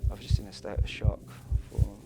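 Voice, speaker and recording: A man giving a halting personal account in a documentary interview, pausing and searching for words. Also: heavy background noise. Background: music playing softly.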